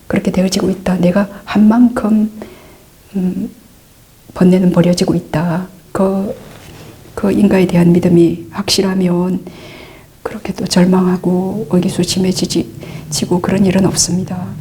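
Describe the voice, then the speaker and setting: A middle-aged woman, a Buddhist nun, patiently answering meditation questions, calm and repetitive, sometimes dropping into soft asides. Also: on the low side, normal speed. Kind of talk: dharma Q&A teaching.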